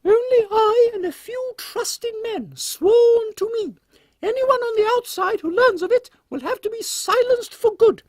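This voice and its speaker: Man putting on a very high-pitched imperious British queen. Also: dry recording. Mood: conspiratorial, commanding. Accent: British English. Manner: regal, measured, condescending. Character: imperious, drily witty middle-aged Queen Victoria. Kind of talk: steampunk audio comedy acting.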